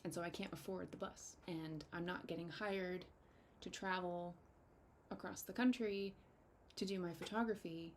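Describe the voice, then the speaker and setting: A woman's voice: fairly low pitch, fairly even intonation, a little hiss or hum. Emotional woman giving a heartfelt update. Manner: heartfelt, grateful, gets emotional, halting with many ums. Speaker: fantasy photographer and content creator. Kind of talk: casual personal update to viewers.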